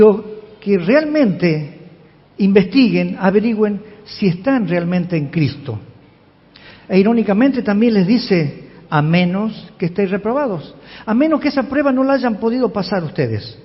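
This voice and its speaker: A male pastor preaches an expository sermon in a high, animated voice. He presses his listeners with emphatic questions. The recording carries a long hall reverb and a dull, lo-fi tone. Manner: emphatic, asks the congregation questions.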